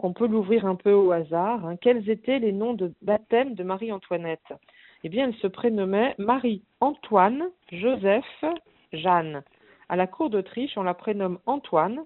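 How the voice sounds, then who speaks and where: A woman's voice: medium pitch, no room sound. A woman talking on a radio show about books by phone, chatty, with many fillers and restarts. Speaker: book reviewer and blogger. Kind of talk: casual radio chat on the phone. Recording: phone-line sound.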